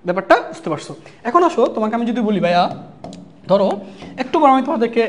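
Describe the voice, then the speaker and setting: Brisk Bangladeshi woman teaching math. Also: on the high side, lively intonation, slight background noise. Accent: Bangladeshi Bengali. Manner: asks the class questions and answers them herself, checks understanding often; dictates notes slowly and repeats key terms. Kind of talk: online math lecture for exam students.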